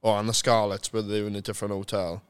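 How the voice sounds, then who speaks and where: Male, South Welsh, low clean voice; matter-of-fact, informal podcast guest with blunt, sweary delivery. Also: level tone, fast talker, clean tone. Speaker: interview guest, retired rugby player. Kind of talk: casual, candid podcast chat.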